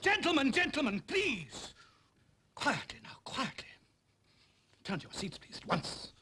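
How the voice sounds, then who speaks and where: An actor playing a stern, formal naval officer presiding over a court. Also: male voice, very high-pitched, wildly swooping pitch, a little slow, pushed and bright, slightly rough, heavily acted. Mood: pleading. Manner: formal, stern, easily flustered. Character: pompous senior male naval officer.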